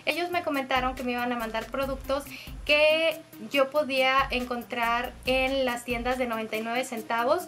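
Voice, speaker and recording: A young woman vlogger chatting excitedly as she unboxes makeup, gushing and squealing with delight. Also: sits high, normal speed, faint music behind. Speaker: beauty vlogger.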